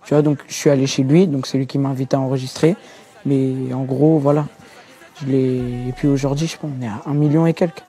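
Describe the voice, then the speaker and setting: A teenage man, answering interview questions about his rap career in relaxed street slang, often adding "tu vois" and repeating words for emphasis. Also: medium pitch, brisk. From France. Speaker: young rapper interviewed. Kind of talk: casual interview talk.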